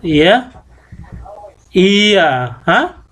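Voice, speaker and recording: A male English teacher in a classroom lesson, mixing English words into his explanations and slowly drawing out words to drill pronunciation. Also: high voice, very animated, fairly bright tone. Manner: mixes English into Indonesian explanations.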